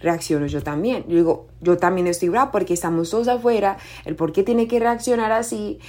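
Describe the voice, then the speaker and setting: A woman's voice: medium pitch, a little fast. Chatty young woman life coach. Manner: conversational, often asks "¿verdad?"; acts out quoted shouting in a raised voice. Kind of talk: casual motivational talk.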